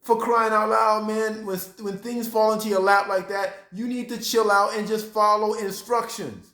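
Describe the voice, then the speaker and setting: A man preaching a sermon, talking straight to his congregation, acting out reactions and breaking into high exclamations. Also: little pitch movement, normal speed, sharp tone, roomy sound. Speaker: pastor.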